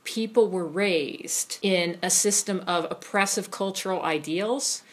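A woman history professor giving a measured, academic explanation in an interview. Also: lowish voice.

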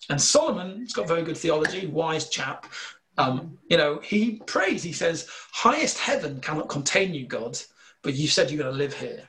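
A man with a slight northern English accent, explaining scripture in a relaxed discussion, earnest and full of fillers. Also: on the high side, moderate pace. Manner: earnest, explanatory, thinking aloud with many fillers. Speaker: bible teacher. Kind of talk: casual theological discussion.

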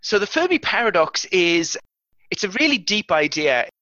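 Middle-aged academic guest, self-deprecating explainer, slightly high voice. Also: male voice, big pitch swings, moderate pace, bright, forceful tone, no echo, lo-fi sound. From South Wales. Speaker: guest astrophysicist. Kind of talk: relaxed explanatory interview talk.

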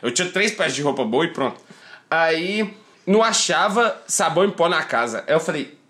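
Mineiro guy around 30, kinda high voice, bouncy, laughing through his stories. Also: moderate pace. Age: 30s. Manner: animated, laughs often, acts out both sides of dialogue. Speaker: guest. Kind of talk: laughing anecdotal storytelling.

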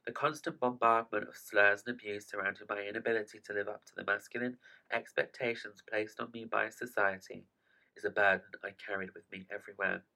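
A man with a low, creaky voice and a very bright, forward edge narrates a scripted self-help podcast. His delivery is theatrical and soothing, dipping into hushed, breathy phrasing. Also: fairly even intonation, a little fast, low-quality recording. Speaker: podcast host.

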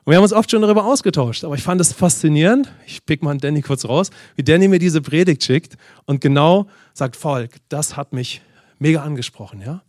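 Male pastor preaching, slows down for scripture readings, voice sits a bit high, dry close recording. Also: lively intonation, darkish tone, no room sound. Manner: preaching with frequent amens and questions to the congregation; reads scripture slowly with rising emphasis. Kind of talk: sermon.

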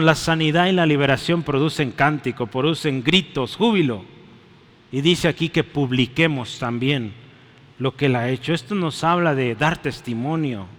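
A man's voice: a little high, a bit bright. A young man preaching a sermon to his congregation, chatty and full of questions to the listeners. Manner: conversational, asks the congregation questions, tag "¿verdad?". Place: church hall. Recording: long hall reverb.

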